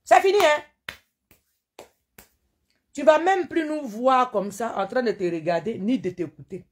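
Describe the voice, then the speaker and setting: A woman's voice: a little high, unhurried. A woman with an Ivorian French accent hosts a live stream, scolding indignantly and hammering the same rhetorical questions. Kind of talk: live-stream political rant.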